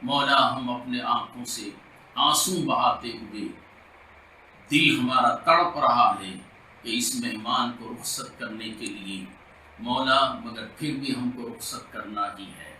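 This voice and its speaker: A man, an imam from India, leading a Friday sermon supplication in slow, drawn-out chanted lines, recorded in a mosque. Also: mid-range voice, pushed and bright, roomy sound, far from the mic, slight background noise, poor audio.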